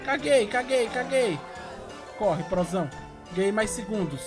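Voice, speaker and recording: Brazilian man, high voice, very animated swings, slangy game commentary, music playing behind. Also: normal speed. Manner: excitable, slangy exclamations. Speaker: gaming video host. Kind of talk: casual gameplay commentary. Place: small room at home.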